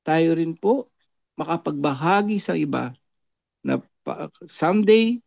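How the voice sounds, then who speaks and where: A man's voice: on the high side, animated, measured pace, creaky, darkish tone, no echo. A man giving an earnest preaching reflection on a religious show, often tagging his phrases with "no?" and switching into English.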